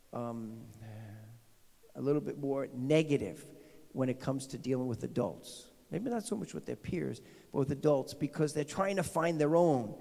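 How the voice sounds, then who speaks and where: A middle-aged pastor with a New Jersey accent delivers a conversational homily into a handheld mic in a large, decorated church sanctuary. His slightly high voice is mellow and gravelly, and a long reverb trails each phrase. He speaks informally, restarting often and putting questions to the congregation.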